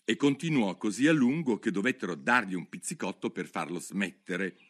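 A man narrating a children's classic in an expressive storytelling style. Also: on the low side, moderate pace. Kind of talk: audiobook reading of a children's classic.

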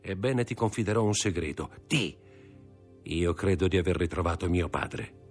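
A man's voice: low voice, moderate pace, faint music behind, lightly acted. A man reading aloud voices a cold, impatient young man who answers in curt, disdainful tones.

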